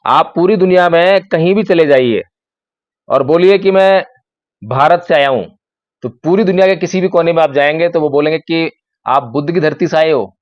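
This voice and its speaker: A man's voice: fairly high pitch, normal speed, dry recording, lo-fi sound. A man giving a Buddhist dharma talk to a gathering, repeating phrases and asking his listeners rhetorical questions. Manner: asks the audience rhetorical questions. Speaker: Buddhist speaker.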